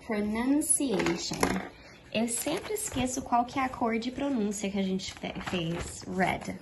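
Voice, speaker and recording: A young adult woman from Brazil, a native Portuguese speaker, teaching an online English lesson in a patient, encouraging way and slipping into slow classroom English. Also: medium pitch, a little hiss or hum, low-quality recording.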